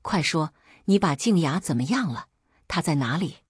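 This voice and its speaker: A hot-tempered young husband, voiced low and brooding, with a husky edge and dry, close sound, as a woman narrator acts him out. He sways widely between gloom and sudden fury. It is storybook acting. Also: big pitch swings, moderate pace, no echo. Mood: furious. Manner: deep, brooding, bursts of fury.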